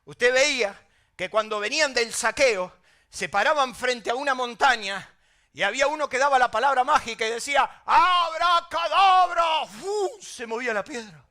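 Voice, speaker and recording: A middle-aged Argentine man preaching a sermon as pastor, telling stories in an animated way with emphatic exclamations. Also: extremely high pitch, moderate pace. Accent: Argentine Spanish.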